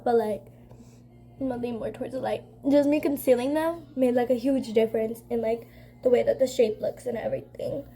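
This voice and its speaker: High-voiced congested young woman vlogger. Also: mellow, slight background noise. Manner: rambling, filler-heavy, says "like" constantly. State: congested from a cold. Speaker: beauty vlogger. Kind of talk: casual chatty makeup vlog.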